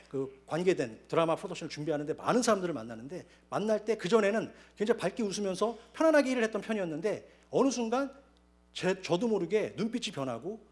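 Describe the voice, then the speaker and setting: A man preaching a sermon as pastor, telling his own story with lively storytelling. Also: high-pitched. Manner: animated storytelling, acting out quoted voices. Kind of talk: sermon with personal testimony. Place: church sanctuary.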